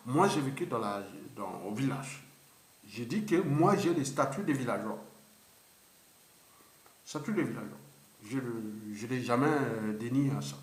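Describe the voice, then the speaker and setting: Speaking in a fairly high, fairly bright voice, a Congolese political commentator in his fifties delivers a rambling, repetitive unscripted monologue. He presses his points emphatically and restarts often. A roomy, echoey room surrounds him.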